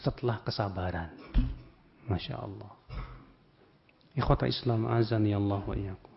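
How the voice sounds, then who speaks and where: Gravelly-voiced male preacher, lo-fi recording. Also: lowish voice, normal speed. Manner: storytelling, acts out dialogue, recites Arabic then translates. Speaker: Islamic preacher teaching hadith. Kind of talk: religious study lecture. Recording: dull lo-fi audio recording.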